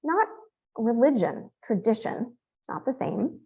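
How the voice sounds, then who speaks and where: A woman's voice: a little high, sing-song, takes it slowly, warm tone, husky, highs cut off. A woman in her fifties from California, an author telling family stories in a conversational interview, rambling with fillers and restarts. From San Francisco Bay Area, California. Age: 50s. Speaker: author guest.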